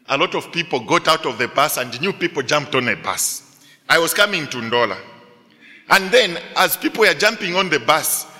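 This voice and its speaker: A middle-aged male pastor preaching to students, telling a story with animated delivery and frequent rhetorical questions. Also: high voice, in a large hall. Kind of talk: sermon to students.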